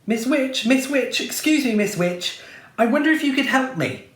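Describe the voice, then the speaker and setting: A man reading a storybook aloud, voicing a whiny, flustered young frog prince who talks high and breathlessly. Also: lively intonation, normal speed, fairly bright tone, echoey room.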